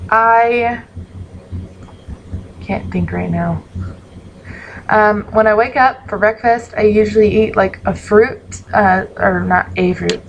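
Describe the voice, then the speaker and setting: A woman's voice: mid-range voice, slight background noise, low-quality recording. A young woman vlogging in a casual, rambling way, full of ums and likes, sounding sleepy. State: sleepy, yawning. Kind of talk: casual chat to camera.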